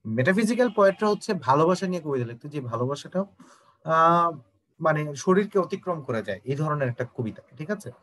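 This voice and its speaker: A man's voice: a little high, lively intonation, a little fast, a bit bright. A Bangladeshi man teaching an online exam-prep lesson, explaining step by step and often checking that students understand. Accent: Bangladeshi Bengali.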